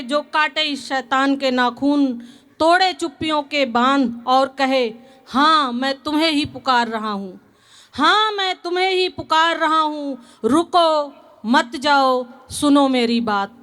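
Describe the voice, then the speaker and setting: Woman, earnest poem reading, unhurried delivery, high voice. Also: fairly bright tone. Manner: measured, earnest reading with repeated lines. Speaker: audience member reading her poem. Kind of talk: poetry recitation.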